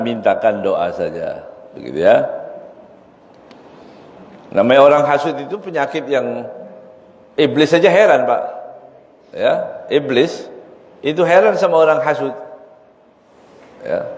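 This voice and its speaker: A man's voice: medium pitch, a little mellow. A middle-aged male preacher giving a casual study-circle sermon, telling a story and acting out its dialogue. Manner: storytelling, acts out dialogue in shifting voices, laughs at own jokes. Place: mosque hall. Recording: echoey mosque hall, dull sound.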